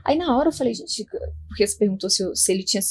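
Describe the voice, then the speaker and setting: A young Brazilian woman from Minas Gerais, a guest mother telling her story in a podcast chat, soft-spoken, acting out the lines of others. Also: medium pitch, lively intonation, racing, breathy edge.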